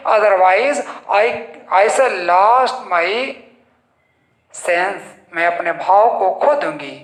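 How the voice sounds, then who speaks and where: A man's voice: high-pitched, drawn-out words, a bit bright, echoey room, heavily acted, rough recording. A male teacher speaking as a personified verb, a female figure who frets that she will lose her meaning, in pleading first-person lines.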